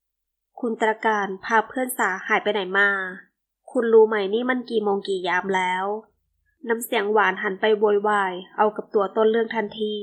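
A woman narrating a romance audio novel in a steady, even storytelling manner. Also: mid-range voice.

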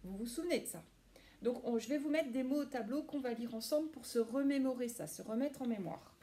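A woman teaching a class lesson to young children, speaking slowly and clearly and praising pupils by name. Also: fairly high pitch, warm tone. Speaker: primary school teacher.

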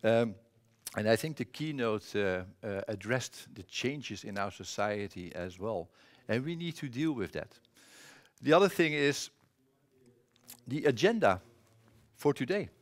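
Speaking a little slowly in an animated, mid-range voice, a Dutch-accented trainer from the Netherlands presents at a conference. Using a presentation mic in a conference room, he stays casual but hesitant, often restarting and using filler sounds.

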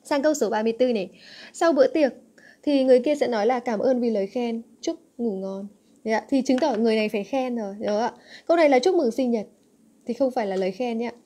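A woman's voice: a little high, quick pace, dark tone. A young woman teaching an English exam-answer lesson, coaxing her students with frequent check questions. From Vietnam.

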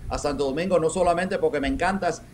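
A middle-aged man, a retired police commander, answering interview questions over a webcam from a home office, talking haltingly with many restarts and English words mixed in. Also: on the high side, darkish tone, a little hiss or hum. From raised in New York. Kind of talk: video call interview. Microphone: video call webcam.

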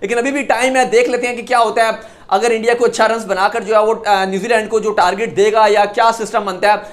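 A young man gives an animated, opinionated cricket analysis, gesturing as he talks in a small indoor room. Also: high-pitched, fast. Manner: animated, gesturing with his hands. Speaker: cricket vlogger.

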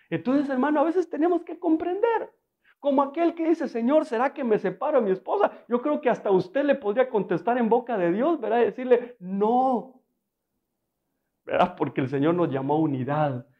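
A man's voice: high-pitched, muffled recording. A male pastor preaching a sermon in a conversational, storytelling way, often asking his listeners rhetorical questions and adding humor.

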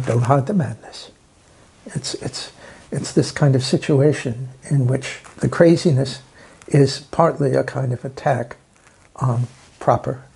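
A man in a documentary interview, talking about literature with animated storytelling and emphatic repeated words. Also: medium pitch, creaky, husky.

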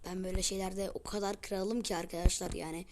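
A young woman giving casual gameplay commentary, excitable and easily frustrated, muttering one moment and crying out the next. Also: mid-range voice, fast talker, a little hiss or hum. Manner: excitable, swings from muttering to loud frustrated outbursts. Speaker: gaming video creator.

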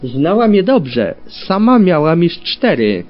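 A man reading a story aloud as an audiobook, telling it in an expressive way. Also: fairly high pitch, slow pace. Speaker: audiobook reader. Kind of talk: scripted narration of fan fiction. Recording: dull lo-fi with faint music.

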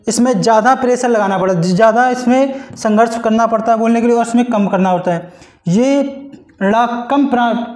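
Here a Hindi teacher, his voice sitting high and a touch mellow, leads a blackboard-style grammar class with patient repetition, stretching syllables to model their pronunciation. The recording has a roomy sound.

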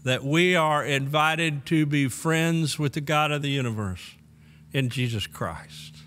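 Bright-voiced older pastor preaching in a hall. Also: male voice, a little high, a little slow, a little hiss or hum. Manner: earnest, with warm little laughs and rhetorical questions. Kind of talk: sermon. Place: church sanctuary. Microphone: pulpit microphone on a stand. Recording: long church hall reverb.

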